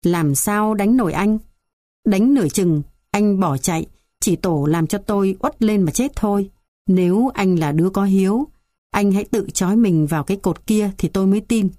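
A woman's voice: mid-range voice, moderate pace, warm tone, no echo, clean studio sound, close to an everyday voice. A woman voicing an old grieving father. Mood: stern. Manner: sorrowful, tearful, stern. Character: old frail grieving village father, a healer.

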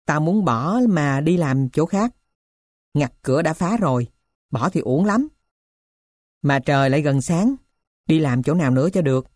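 A woman voicing a poor middle-aged male thief who tells his story in a rough, blunt way. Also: deep voice, lively intonation, normal speed, pauses often, darkish tone, dry recording, studio quality. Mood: gruff.

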